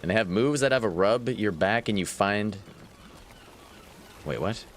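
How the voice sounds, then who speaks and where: A man in his thirties, streaming a game live, chats casually with his viewers and laughs often as he answers them. His voice is on the low side and animated, and he speaks a little slowly.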